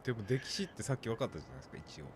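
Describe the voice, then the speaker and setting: A man's voice: fairly low pitch, big pitch swings, racing, noisy background. A man chatting casually as he comments on a video game with a partner. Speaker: gaming commentator. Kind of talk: casual two-person let's play chat.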